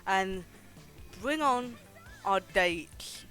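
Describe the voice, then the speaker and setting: Bright and forceful, this medium-pitched voice has lively intonation and drawn-out words. It belongs to a live streamer hosting a game playthrough, swearing and chatting casually with viewers and reading game text aloud over background music.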